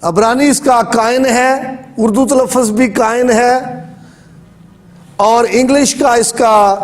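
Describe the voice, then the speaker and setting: Male Bible teacher, high voice, measured lecture delivery. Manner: slow, deliberate explanation of word pronunciations. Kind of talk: religious word-study lecture.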